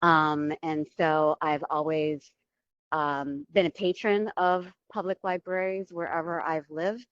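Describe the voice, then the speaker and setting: A woman's voice: sits low, steady tone, takes it slowly. A woman heard over a phone speaker, calling in from an airport, answering interview questions hesitantly with many ums. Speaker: library board candidate. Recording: muffled lo-fi call audio.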